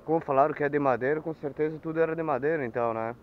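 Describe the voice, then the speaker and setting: A man's voice: fairly high pitch, racing, a little hiss or hum. A middle-aged Brazilian man talking casually to viewers as he explores outdoors, making informal remarks while looking around. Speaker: vlogger. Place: outdoors in overgrown woodland. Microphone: handheld camera at arm's length. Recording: dull lo-fi outdoor camera sound.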